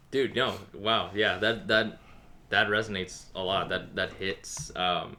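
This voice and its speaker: A man's voice: low voice, steady tone, slow, bright, forceful tone. A man hosting a casual interview, hesitant and thoughtful, with lots of fillers. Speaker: interviewer host.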